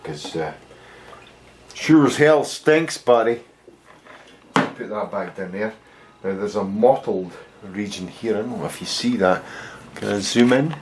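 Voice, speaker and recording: A Scottish man working through a casual workshop tutorial as a bass luthier, muttering wry jokes and swearing casually. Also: darkish tone, a little hiss or hum. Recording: echoey room.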